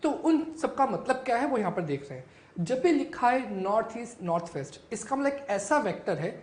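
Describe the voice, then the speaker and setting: Higher-pitched woman teaching in an echoey room. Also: big pitch swings, moderate pace, a little mellow. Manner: asks students questions and answers them herself. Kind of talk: classroom physics lesson.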